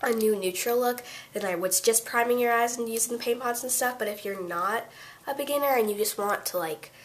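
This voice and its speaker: A woman's voice: fairly high pitch, a little fast. A teenage girl with a cold and a congested voice, chatting her way through a casual makeup tutorial with lots of fillers and self-corrections. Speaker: beauty vlogger.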